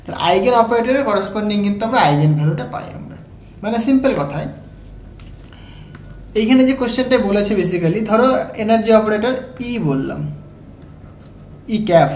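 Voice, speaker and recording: A woman with a Bengali accent teaching exam-prep physics, explaining each step slowly and often pausing to ask her students whether they follow. Her voice carries a noticeable echo from the room. A faint hum sits underneath. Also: mid-range voice, darkish tone. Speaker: physics tutor.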